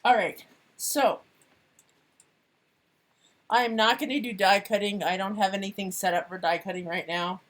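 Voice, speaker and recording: A woman's voice: medium pitch, fairly even intonation, moderate pace, long pauses. A woman chatting casually on a live stream as she crafts, thinking aloud and trailing off mid-sentence.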